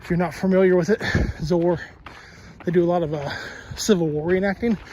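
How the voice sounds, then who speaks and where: A man's voice: sits high, steady tone, a little fast, mellow, slight background noise. A man talking casually to viewers while walking outdoors, laughing often. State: winded, out of breath. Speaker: vlogger. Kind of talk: casual outdoor vlog narration. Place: outdoors by water and trails.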